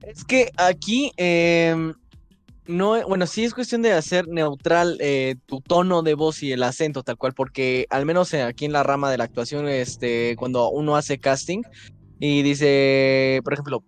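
A man's voice: on the high side, steady tone, a little slow, smooth, faint music behind. A man with a Mexican accent, an actor, explaining things in casual podcast talk with frequent hesitant fillers. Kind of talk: casual chat.

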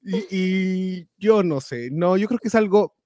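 A man hosting a live talk show, reading out viewer comments with animated, exclamatory reactions. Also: high voice, unhurried, no room sound, clean studio sound. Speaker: show host.

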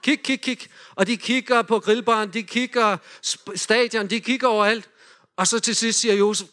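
A man in a lively sermon, retelling a Bible story and directing volunteers as they act it out. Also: high-pitched. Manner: animated, directs volunteers with quick cues.

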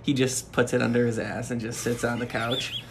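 A man's voice: mid-range voice, level tone, normal speed, creaky, background noise. A man co-hosting a podcast, laughing often and riffing playfully in casual banter. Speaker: podcast co-host.

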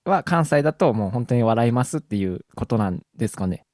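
A man co-hosting a casual chat, polite and quick to react. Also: mid-range voice, lively intonation, darkish tone, dry recording, clean studio sound.

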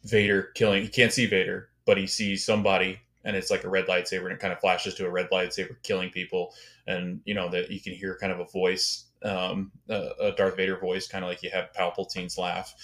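A young man with a deep, low voice, a guest on a casual podcast. He works through his ideas hesitantly, with lots of ums and uhs. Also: little pitch movement, a little fast, a bit bright. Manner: hesitant, filler-heavy storytelling.

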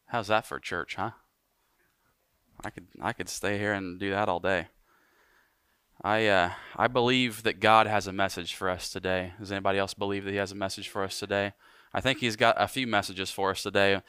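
A young adult man, a pastor, preaching a sermon with animated delivery that slows down for emphasis. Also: sits low, smooth, dry recording.

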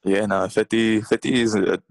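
A music blogger from Queens, New York, chats as a guest in a casual interview, laid-back and self-deprecating. His lowish voice is creaky and steady in tone, at a moderate pace. The low-quality recording has no room sound.

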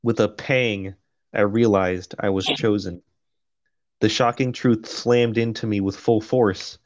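A man's voice: lowish voice, fairly even intonation, slow, dry recording, highs cut off. A man co-hosting a podcast, reading a novel aloud and breaking off for profane jokes and laughter. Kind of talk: casual chat and reading aloud.

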